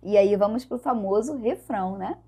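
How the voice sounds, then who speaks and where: A woman with a Brazilian Portuguese accent teaching English pronunciation through a song, slowly repeating and demonstrating sounds. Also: mid-range voice, mellow, husky. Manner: slow, careful demonstration of sounds, repeats words. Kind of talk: pronunciation lesson, singing lines then explaining.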